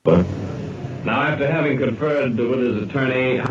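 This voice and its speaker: A man's voice: mid-range voice, normal speed, roomy sound. A man's voice in a garbled audio captcha, speaking words that are hard to make out. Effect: garbled audio captcha clip of spoken words. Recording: muffled distant captcha audio with noise.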